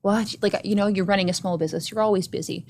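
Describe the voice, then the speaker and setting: A woman's voice: medium pitch, fairly even intonation, very fast, noisy background. A middle-aged woman who owns a dance studio, telling a heartfelt story in a casual interview, earnest and full of restarts.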